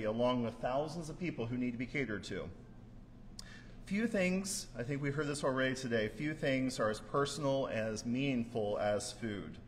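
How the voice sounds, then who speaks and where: Board member man addressing graduates, measured and formal; reverberant hall. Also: medium pitch. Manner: measured, formal with occasional fillers. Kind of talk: prepared ceremony speech. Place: large hall at a graduation ceremony. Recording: echoey hall with faint noise.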